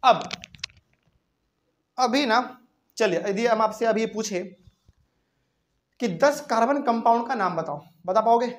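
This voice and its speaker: A man's voice: extremely high pitch, measured pace, long pauses. A man teaching a chemistry lesson at a whiteboard in Hindi with a Bihari accent, asking the class questions as he explains step by step.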